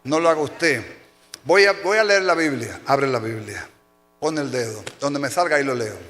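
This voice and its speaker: A man preaching a sermon as pastor, telling stories with acted-out cries and shouts. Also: mid-range voice, moderate pace. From Dominican Republic. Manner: animated storytelling, acting out shouts and cries. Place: church sanctuary. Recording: long hall reverb.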